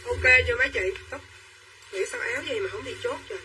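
A young woman hawks clothes to her livestream viewers. Her voice is high and very bright, and she keeps urging buyers to claim pieces. She sounds set back from the microphone, with faint background noise. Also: far from the mic, low-quality recording. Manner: quick and pushy, urging buyers to claim items. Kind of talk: live-selling chatter to viewers.

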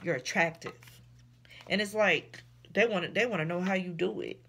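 A woman's voice: on the low side, moderate pace, vocal fry, pushed and bright, slight background noise. A woman giving a casual tarot reading, blunt and slangy, swearing freely and repeating her warnings. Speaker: tarot reader.

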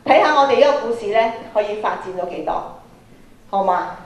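Briskly and with lively intonation, a woman with a Hong Kong Cantonese accent gives an interactive workshop lecture on radio drama, her medium-pitched voice carried by a handheld mic. She questions the students and repeats phrases for emphasis, and the large school auditorium's PA makes it echo.

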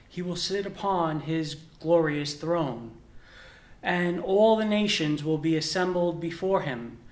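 Earnest young deacon, echoey chapel. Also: male voice, a little high. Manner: measured, earnest proclamation with emphatic pauses. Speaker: deacon and seminarian. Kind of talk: gospel reading and homily. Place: indoor chapel with a stone wall.

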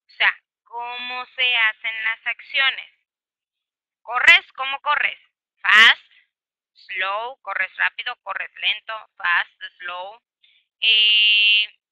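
Clear and resonant at a medium pitch, this woman's voice has a Mexican Spanish accent, captured in a lo-fi recording without echo. Teaching English grammar, she explains with patience, offers plenty of examples, and moves back and forth between Spanish and English.

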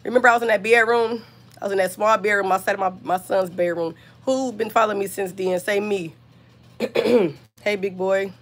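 A woman's voice: medium pitch, fairly quick. A woman with a scratchy voice from being sick, chatting casually with live-stream viewers while showing her craft work. She, talks straight to her viewers with lots of fillers, and is recorded on a phone.

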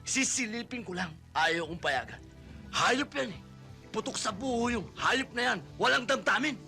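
A drunk, grieving young soldier. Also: male voice, high voice, expressive, moderate pace, gravelly, soft background music, exaggerated voice. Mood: bitter grief. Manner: bitter, then shouting in rage. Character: grieving hot-headed young male soldier.

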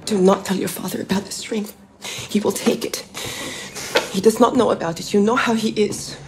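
An actress playing a tender, secretive mother confiding softly in her young son, in a whispery, gentle, measured voice for a video game. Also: medium pitch, fairly even intonation, background noise, lightly acted. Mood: secretive, cautious. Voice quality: soft, whispery. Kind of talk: hushed, intimate video game drama.

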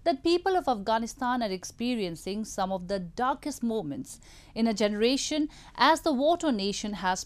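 A female news anchor reading scripted headlines in a studio with a measured, formal delivery. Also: on the high side.

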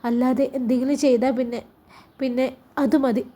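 A woman voicing a grown son who calmly reasons with his mother, in a Malappuram Malayalam accent. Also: high-pitched, moderate pace. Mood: reassuring.

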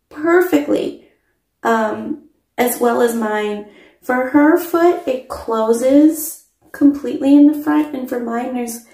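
A middle-aged woman talks slowly through a casual product review vlog. Her voice sits fairly high with a soft, mellow tone. She sounds eager and emphatic and repeats words for stress, captured on a phone camera in a small, echoey room. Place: small indoor room with pale walls. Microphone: phone camera mic at close range.

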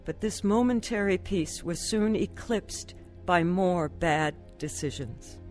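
As a troubled wife and mother, the lead actress tells her life story in earnest, confessional radio drama style, her mood regretful. She speaks slowly in a fairly low voice with a darkish tone, and faint music plays behind her.

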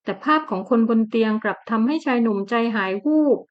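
A woman narrating a romance novel in an audiobook with an even, measured delivery. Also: on the high side, highs cut off.

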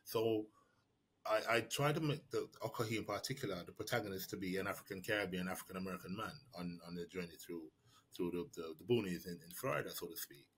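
Quick-paced and low-voiced with a fairly bright tone, a prize-winning Jamaican writer fields questions about his work on a video call, with a little hiss or hum in the audio. He's in a small room on a webcam or laptop mic. Thoughtful by nature, he restarts sentences often and repeats words.

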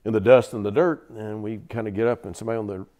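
Deep-voiced older Southern man telling war stories. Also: steady tone, fast talker, mellow. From Georgia, USA. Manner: vivid, acts out quotes, repeats for emphasis. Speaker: interview guest, veteran. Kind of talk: storytelling interview.

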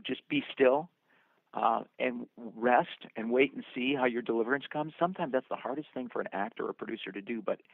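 Gravelly man on a tinny phone line. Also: medium pitch, no echo. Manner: earnest, storytelling, quotes scripture and poems. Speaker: film producer and actor guest. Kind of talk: reflective interview answers.

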